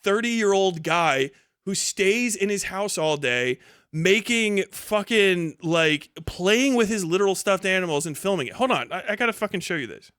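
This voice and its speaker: Speaking at a moderate pace in a clear, resonant, fairly high voice, a man casually rants to his livestream chat. He's mocking, animated and swears nonstop, captured dry and close on a streaming mic with no echo.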